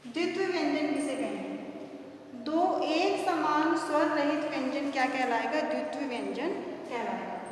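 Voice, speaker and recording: A woman teacher giving a grammar lesson, asking questions and answering them herself, stretching key words slowly. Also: sits high, expressive. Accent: Hindi, North Indian. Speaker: school teacher. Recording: echoey distant room recording with faint noise.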